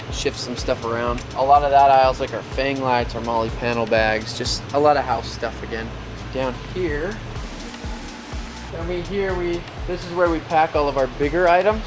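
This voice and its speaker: A man gives an informal walk-through tour as a manager, speaking in an off-the-cuff way at a middle pitch. Clear background music plays behind his casual talk. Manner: informal, off-the-cuff pointing things out. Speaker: warehouse manager giving a tour.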